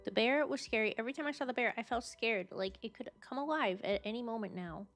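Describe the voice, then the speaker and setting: A woman's voice: a little high, fast, a bit bright, soft background music. A woman streamer playing a game, reading the narration aloud and adding playful, casual asides.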